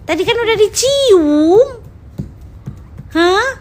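High-voiced woman teasing a baby. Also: animated, very slow, slight background noise. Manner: playful teasing talk to a baby. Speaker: family member filming children. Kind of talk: casual home video chat.

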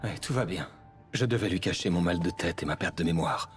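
A man's voice: sits low, fairly quick, soft background music, close to an everyday voice. A man playing a troubled writer searching for his wife, grave and guarded, in video game narration and dialogue.

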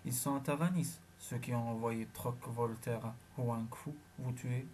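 A man reading the part of a sardonic sea-dwelling telepath in an audiobook, chiding and ironic, with a mellow, dark tone. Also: medium pitch, fairly even intonation, measured pace, slight background noise, close to an everyday voice.

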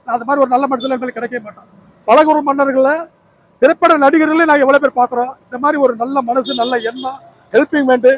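A man's voice: very high voice, fairly even intonation, fast talker, dry recording, rough recording. A man with a Tamil Nadu accent, a mimicry artist, speaking with feeling in a tribute at a memorial gathering. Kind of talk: emotional tribute speech.

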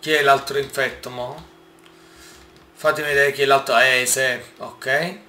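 A man giving casual gameplay commentary, excitable and exclaiming often as he talks to his viewers. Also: mid-range voice, unhurried, roomy sound. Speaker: gaming YouTuber.

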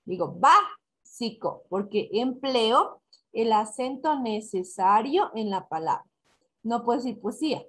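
A woman teacher giving a recorded class, explaining slowly and step by step, counting syllables aloud and answering her own questions. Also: fairly high pitch, animated, breathy edge. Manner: slow and deliberate, counting syllables aloud and asking herself questions. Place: school in Ecuador.

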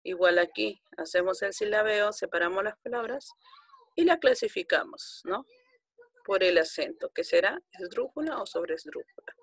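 A woman's voice: mid-range voice, expressive, moderate pace, husky, no echo. A woman teaching a grammar lesson to primary school children, patiently counting out syllables one by one.

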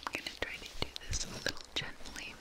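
A soft-spoken young woman doing a hushed, soothing whispered role-play as a gentle examiner, very close to a binaural microphone. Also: quick pace. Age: young adult. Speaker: ASMR performer playing a gentle examiner. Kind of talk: whispered role-play, ASMR hearing test. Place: small indoor room with curtain backdrop. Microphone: binaural microphone with ears, very close.

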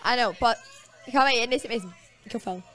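High, bright, excitable woman. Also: quick pace. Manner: excited, laughing. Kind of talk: casual storytelling.

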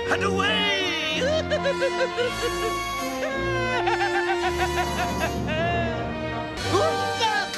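An actor voicing a manic, theatrical male clown supervillain in an animated series, giggling and swinging from purrs to shrieks. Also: very high-pitched, full character voice. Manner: giggling, sing-song, swings from purring to shrieking. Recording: loud cartoon soundtrack music under the voice. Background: orchestral score and sound effects.

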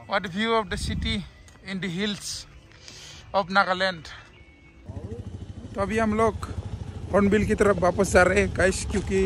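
A young man vlogging his trip, chatting as he walks outdoors with a phone held at arm's length. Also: high voice. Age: young adult. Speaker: travel vlogger. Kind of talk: casual travel vlog. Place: outdoors at a busy festival and roadside. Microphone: phone camera held at arm's length. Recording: noisy outdoor phone recording.

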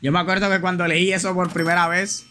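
Bright-voiced chatty male streamer. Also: high-pitched, little pitch movement, quick pace, soft background music. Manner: chatty, slangy, talks straight to viewers and reads chat aloud. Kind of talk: casual live gameplay chat.

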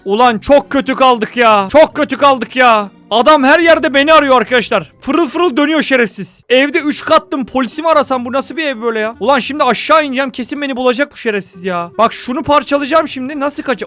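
Young man, gameplay commentary, excitable and joking, high-pitched, faint music underneath. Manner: excitable, joking, swears, talks to viewers. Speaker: gaming streamer.

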